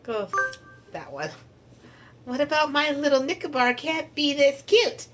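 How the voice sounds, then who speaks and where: High, lively woman reading game text. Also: unhurried. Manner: animated, playful, giggly narration. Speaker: streamer playing a visual novel. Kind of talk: reading game text aloud, casual stream chat.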